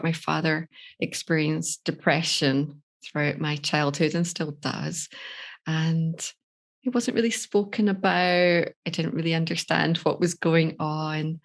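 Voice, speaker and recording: A middle-aged life coach from Scotland tells her personal story on a podcast interview, candid and reflective and quick to laugh. Her voice sits low and has a creaky quality.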